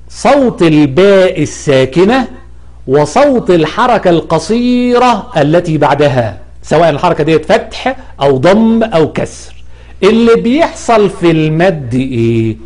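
A man's voice: high-pitched, sing-song, normal speed, a little mellow. A man with an Egyptian accent teaching an Arabic grammar lesson, explaining patiently and drawing out sounds to demonstrate pronunciation. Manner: corrective, emphatic about common mistakes.

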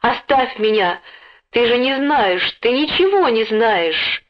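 A woman voicing an excitable, quick-tempered young schoolboy in a storybook, with shrill outbursts. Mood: sobbing. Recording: dull lo-fi recording.

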